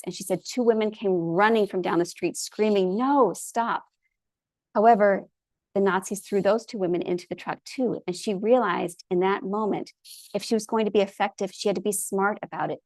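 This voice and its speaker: An earnest woman presents a storytelling lecture in a voice of middling pitch. She speaks with open enthusiasm, and her recording sounds close and dry, with no room echo. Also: a little mellow.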